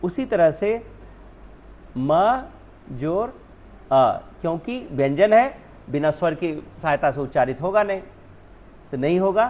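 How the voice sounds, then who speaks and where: A man's voice: fairly high pitch, lively intonation, measured pace, long pauses, a little mellow. A male teacher whose first language is Hindi, explaining spelling rules step by step, often asking and then answering his own questions. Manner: repeats "ठीक है ना", asks and answers own questions.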